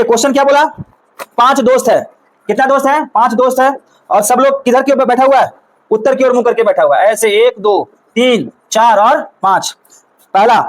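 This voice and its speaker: A man with a very high-pitched voice and a Bihari Hindi accent leads a classroom reasoning lesson, captured in poor audio. Coaxing and patient, he keeps quizzing the class and walks through the puzzle again one step at a time.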